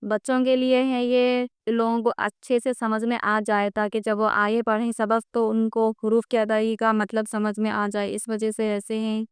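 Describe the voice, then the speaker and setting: A woman's voice: fairly high pitch, little pitch movement, hardly any pauses, clear, resonant tone, no echo, studio quality. A woman teaching a recorded Quran reading lesson. She patiently repeats letters one by one and stresses how throat sounds should be made. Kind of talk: recorded lesson, reciting letters and explaining pronunciation.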